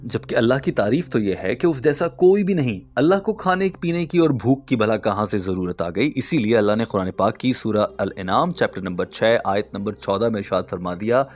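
A man reading a scripted narration in a measured, explanatory way, posing rhetorical questions. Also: lowish voice, lively intonation, a little mellow.

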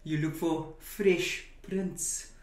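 A man's voice: on the high side, steady tone, very slow, very noisy. A young man telling dad jokes in a casual face-off, giving setups and punchlines, recorded outdoors from a camera a little way off. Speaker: dad joke contestant. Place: outdoors on a couch by a brick house wall. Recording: echoey sound.

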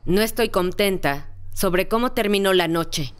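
A woman's voice: mid-range voice, measured pace, clear, resonant tone, lightly acted. Woman dubbing a fed-up, weary wife. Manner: weary, fed-up complaining that builds to an angry confrontation. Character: exasperated wife, tired of a stingy husband. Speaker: wife on a reality show. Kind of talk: Latin American Spanish reality-show dub.

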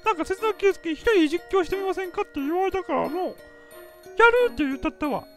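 Woman doing game commentary, playful old-fashioned dialect, extremely high voice, faint music underneath. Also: fast talker. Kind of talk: casual let's play commentary.

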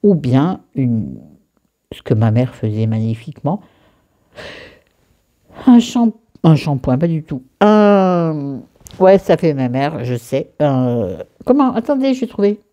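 A woman's voice: sits low, sing-song, slow pace, warm tone, dull audio. A woman filming a casual skincare vlog at home, chatty and self-mocking, rambling into crude asides. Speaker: beauty vlogger. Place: bedroom at home.

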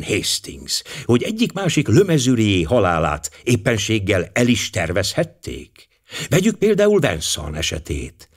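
A man voicing a precise, formal older male detective with a measured delivery. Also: lowish voice, slightly rough, heavily acted. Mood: probing.

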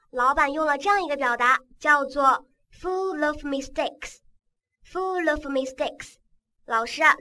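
A woman English teacher giving a vocabulary lesson, patiently repeating words and spelling them out slowly in a coaxing classroom tone. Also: sits high, pushed and bright.

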